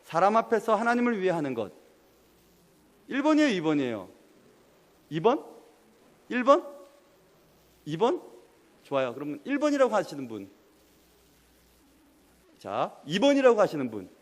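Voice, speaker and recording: A man's voice: sits high, huge pitch swings, moderate pace, long pauses. A young man preaching a sermon as pastor, quizzing his congregation and pressing them on their answers. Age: young adult. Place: church sanctuary. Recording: long hall reverb.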